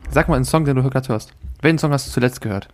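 A man's voice: medium pitch, rapid-fire. A young man chatting casually, teasing his friend with slangy, pushy questions. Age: young adult. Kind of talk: casual chat.

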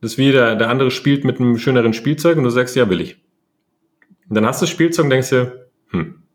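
A man co-hosting a casual coaching chat, talking in animated bursts and listing things in quick runs. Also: mid-range voice. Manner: German. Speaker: podcast co-host.

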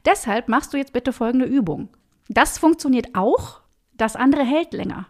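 A woman with a slightly high voice talks about teaching singing in a relaxed podcast conversation. She is lively and keeps slipping into small acted-out exchanges with her students, recorded on a podcast microphone. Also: moderate pace. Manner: animated, acts out little dialogues in voices.

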